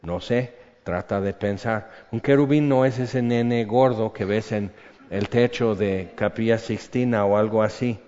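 An older man preaching a sermon, animated and conversational, dropping to a hush for emphasis. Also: on the low side, unhurried. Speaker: pastor. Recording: echoey hall, dull lo-fi sound.

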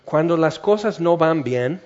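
Preacher, high-ish voice, conversational sermon. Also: male voice, lively intonation, a little slow. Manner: conversational, humorous, acts out everyday scenes. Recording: muffled lo-fi recording.

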